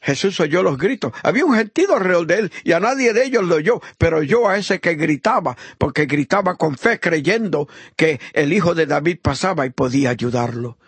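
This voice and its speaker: A man delivers an impassioned sermon, swinging from loud, high exhortation to low, murmured praise and acting out the voices of people in his story. His voice is husky, and the recording is dry.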